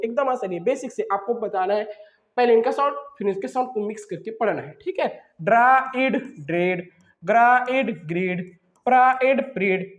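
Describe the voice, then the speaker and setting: Man drilling English phonics in an echoey room. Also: extremely high pitch. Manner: drills syllable blends slowly, then talks fast between sets. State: unwell, coughing. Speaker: English reading teacher. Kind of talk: slide-based phonics lesson.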